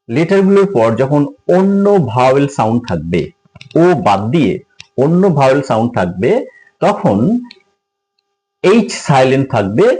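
A man's voice: mid-range voice, darkish tone, low-quality recording. A man giving an English pronunciation lesson, spelling words letter by letter and then repeating each sound. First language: Bengali. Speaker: English tutor. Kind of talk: spoken language lesson at a board.

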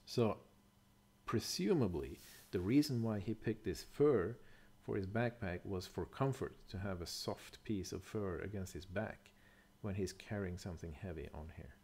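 Low, mellow-voiced man explaining calmly. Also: normal speed, husky. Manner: thoughtful, hesitant, with fillers and self-corrections. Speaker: bushcraft presenter. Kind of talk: casual explanatory voice-over over slides.

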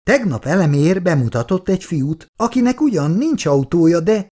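A man's voice: high-pitched, sing-song, warm tone, pitched above the performer's own voice. A man voicing an aloof young daughter. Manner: offhand, superior.

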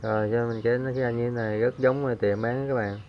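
A man talks through a fishing tutorial in a relaxed way, counting aloud as he works, his voice staying flat and even. The sound is dull and lo-fi, picked up on a camera mic worn on his body while he works at a table. Roosters and birds crow faintly in the background. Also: medium pitch, fast, a little hiss or hum. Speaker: fishing channel host. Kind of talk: casual hands-on tutorial.

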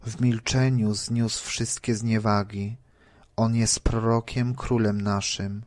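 A man's voice: fairly low pitch, flat delivery, slow pace, a little mellow. A man reading an earnest repentant thief. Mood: earnest pleading. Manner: pleading, rebuking.

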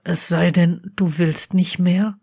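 A reader whispering as husky, tender blond wizard lover. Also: male voice, high voice, fairly even intonation, slow pace, heavily acted. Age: 40s. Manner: soft, coaxing, reassuring. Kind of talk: whispered role-play.

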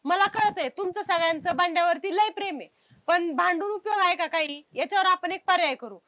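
A woman in a comedy sketch, calming her friends and taking charge of the group. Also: very high voice, fairly quick. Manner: soothing, takes charge of the group.

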